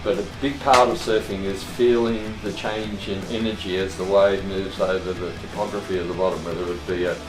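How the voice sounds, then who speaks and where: A man's voice: low voice, flat delivery, fairly quick, few pauses. Older man, echoey and off-mic. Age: older, about 60s. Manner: explanatory, often checks with "right?". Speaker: surfboard seller and surf coach. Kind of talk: casual instruction. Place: open surfboard workshop with roller door. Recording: echoey workshop, distant mic, background music.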